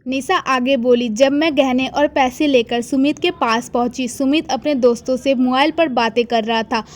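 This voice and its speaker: A woman reading a moral story aloud in an even, storybook manner. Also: high voice, moderate pace. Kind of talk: scripted story narration.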